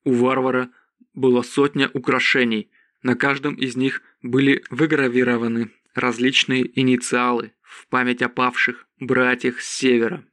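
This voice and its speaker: A man narrating an audiobook in a steady, even storytelling voice. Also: mid-range voice, normal speed, no room sound.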